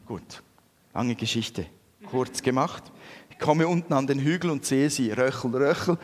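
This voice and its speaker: A middle-aged man with a Swiss German accent, telling a personal story in a sermon with lively, animated delivery. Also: mid-range voice, a little slow, slight background noise. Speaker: preacher. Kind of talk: anecdotal sermon. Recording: long reverb in a hall.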